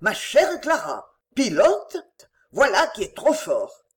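A flustered elderly doctor, as a woman reading aloud puts him on, stern and incredulous with his daughters. His voice rises and falls through a lively range as he protests. A storybook father more bewildered than angry. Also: sits high, measured pace. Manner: exasperated, incredulous.

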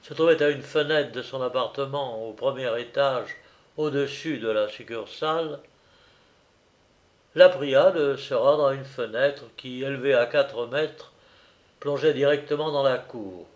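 A man narrating a courtroom crime story in a measured storytelling reading. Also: medium pitch. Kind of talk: dramatic reading of a crime chronicle.

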